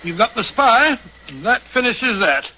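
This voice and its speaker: A blustery, good-natured older British doctor from a 1940s radio play. The voice sits high and often stumbles over words. The recording is dull and a little noisy. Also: male voice, sing-song, moderate pace. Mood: fussy, bumbling. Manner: blustery, hesitant, stammering. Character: fussy, loyal, good-natured older male English doctor. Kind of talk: 1940s radio drama acting.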